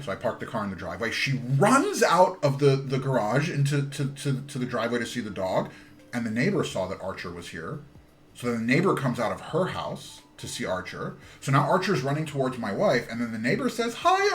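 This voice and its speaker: A man in his thirties chatting casually while streaming a keyboard build, telling rambling stories that trail off and restart. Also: mid-range voice. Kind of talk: casual live-stream chat.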